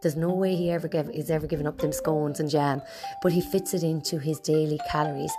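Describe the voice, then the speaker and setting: Host: woman, Irish accent, slightly low pitch, conversational and encouraging interview delivery. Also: steady tone, a little fast, music in the background. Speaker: podcast host. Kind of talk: podcast introduction and casual interview.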